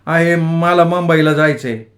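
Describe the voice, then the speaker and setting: A man's voice: fairly high pitch, unhurried, pitched above the performer's own voice, close to an everyday voice. A man voicing a young village son who speaks in a plaintive, pleading way in an audiobook story. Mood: hurt, pleading.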